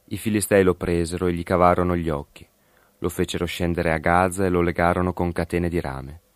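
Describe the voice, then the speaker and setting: A man narrating a story in a measured, formal style, close to the mic. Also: sits low, no echo. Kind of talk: scripted narration.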